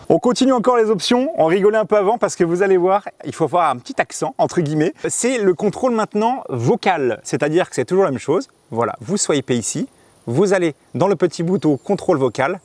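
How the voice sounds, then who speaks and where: A man's voice: fairly high pitch, brisk, no echo. Chatty upbeat guy demoing gear. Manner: lively, chatty, addresses viewers directly with slang. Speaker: motorcycle vlogger reviewing a camera. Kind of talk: casual product demo vlog.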